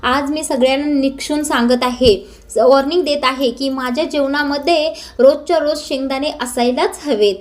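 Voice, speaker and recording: A woman's voice: high-pitched, steady tone, moderate pace, lightly acted. A woman reading out the lines of a stern young male estate owner from a serial. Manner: stern, commanding.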